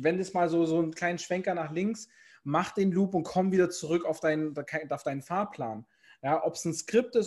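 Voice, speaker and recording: Guy rambling in a podcast chat, kinda high voice, lots of ums. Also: darkish tone. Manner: rambling, many fillers and restarts. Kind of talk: casual chat.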